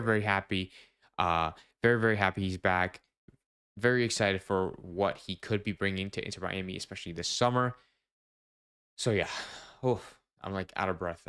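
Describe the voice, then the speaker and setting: A man's voice: on the low side, a bit bright, smooth. A young man hosting a casual soccer podcast, talking through a match like an enthusiastic fan, rambling with lots of fillers and restarts. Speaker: podcast host.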